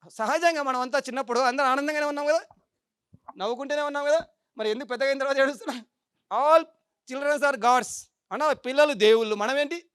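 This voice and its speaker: A man's voice: very high voice, clean tone, no echo, studio quality. A man giving a motivational meditation talk, who keeps asking the audience for agreement and mocks everyday complaints. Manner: lively, repetitive, mocking tone. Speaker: meditation speaker.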